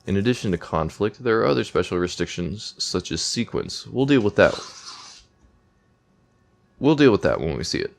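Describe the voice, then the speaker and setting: A man's voice: lowish voice, big pitch swings, moderate pace, gravelly, long pauses. A man commentating a game playthrough, reading the on-screen dialogue aloud between casual remarks. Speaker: let's play gamer.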